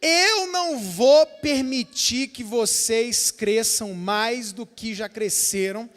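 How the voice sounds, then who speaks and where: A man voicing a menacing male demon who guards a door, speaking slowly and sternly. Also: very high voice, fairly bright tone, big-room sound, full character voice. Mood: threatening.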